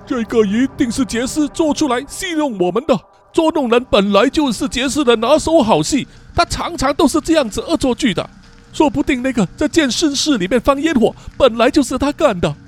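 A man voicing a bullied teenage boy who keeps insisting it is all a prank, over soft background music. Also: very high-pitched, animated, a little fast, pitched above the performer's own voice. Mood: denial. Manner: muttering, repeating himself, then shouting.

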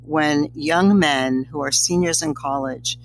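Older lady on a podcast, hoarse worn-out voice, telling stories, bit of hum behind her. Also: low-pitched, slow, rough recording. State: hoarse, strained voice. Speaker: podcast guest, college teacher. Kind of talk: conversational storytelling interview.

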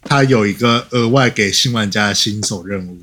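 A man's voice: on the low side, normal speed, fairly bright tone. A man, a podcast guest explaining game lore in a casual, matter-of-fact way.

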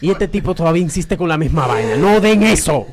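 A man's voice: fairly high pitch, lively intonation, fast talker, a loud crowd. A man hosting a comedic radio call-in show, crude and joking, laughing often.

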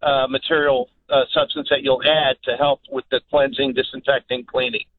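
A man's voice: medium pitch, flat delivery, normal speed, noisy background. A man calling in over the phone to ask a radio show a question, hesitant and full of filler sounds. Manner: hesitant, many filler uhs. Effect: heard over the phone. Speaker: caller. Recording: tinny phone line.

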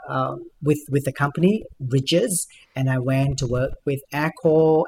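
A man gives conversational answers as a podcast guest. His pitch sits in the middle range, and he picks his way through sentences, doubling back on words. There is clear noise behind him. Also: darkish tone. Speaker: podcast guest, business events executive.

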